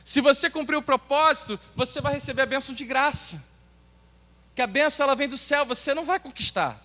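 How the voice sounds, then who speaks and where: A Brazilian pastor with a Brazilian Portuguese accent, preaching an earnest sermon and asking the congregation questions. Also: male voice, very high voice, fast talker, sharp tone. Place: church hall. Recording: long hall reverb.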